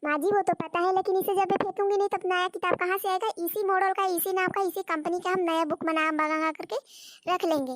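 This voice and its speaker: A scatterbrained young daughter-in-law from a cartoon story, insisting on her own way and explaining at length, as a woman voices her. Her voice is very high and squeaky. It is recorded dry and close. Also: fairly even intonation, a little fast, dry recording. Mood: stubborn. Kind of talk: Hindi cartoon story voice acting.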